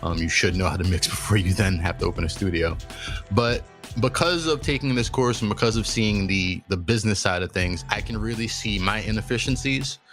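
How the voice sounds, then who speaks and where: A young man with a lowish voice, chatting on a podcast in a loose, swear-heavy style. He tells his stories with animated energy and drifts from anecdote into practical advice. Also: fairly quick, faint music behind. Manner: casual, profane, animated storytelling. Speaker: podcast host. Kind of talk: casual podcast chat.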